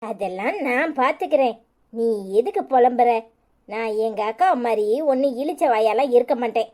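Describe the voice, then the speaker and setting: A woman's voice: a little high, moderate pace, a little mellow, close to an everyday voice. A woman voicing a bold, cunning young bride in a cartoon, with a Tirunelveli accent, talking defiantly. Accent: Tirunelveli Tamil. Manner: defiant, boastful.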